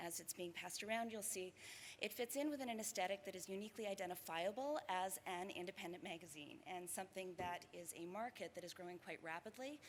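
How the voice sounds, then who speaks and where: A woman's voice: medium pitch, slight background noise. A woman speaking earnestly on a conference panel about the publication she represents. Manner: earnest, self-deprecating, laughs often. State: slightly out of breath at first. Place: conference hall. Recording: reverberant hall, faint ambience.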